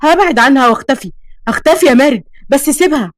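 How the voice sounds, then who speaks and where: A woman's voice: a little high, animated, quick pace, no echo, clean studio sound, lightly acted. A woman with an Egyptian accent voicing a young man in love who pleads and despairs, in a storybook reading. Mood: pleading. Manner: pleading, desperate.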